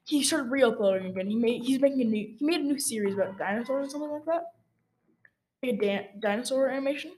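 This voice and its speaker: Woman, co-host, casual chat, enthusiastic, a bit high, faint background hiss. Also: darkish tone. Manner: enthusiastic, quick to agree. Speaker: podcast co-host.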